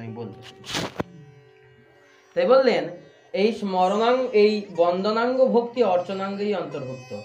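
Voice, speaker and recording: A man teaching from scripture, asking his listeners questions and chanting Sanskrit verses slowly. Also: high-pitched. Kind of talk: devotional scripture discourse. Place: room with listeners. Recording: echoey, muffled, with faint sitar.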